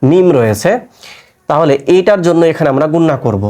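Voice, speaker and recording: Lively in intonation, with a fairly high pitch and dark tone, a man teaches Quran recitation step by step. He names the letters and marks, chants every joined word in a long, stretched-out tone, and poses questions to listeners that he then answers himself.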